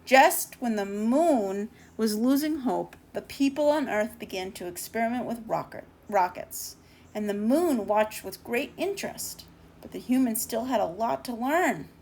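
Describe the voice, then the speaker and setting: Reading a children's picture book aloud, a woman with a fairly high voice is expressive and deliberate, stressing key words for drama. She trips over a word now and then, and there's a little hiss or hum in the recording.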